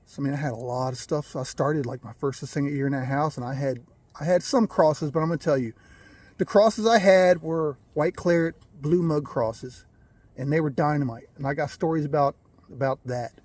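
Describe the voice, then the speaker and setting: A man telling a rambling, folksy story about his birds, clearing his throat now and then. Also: a little high, normal speed, a little mellow, dry recording. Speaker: gamefowl breeder. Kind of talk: casual storytelling.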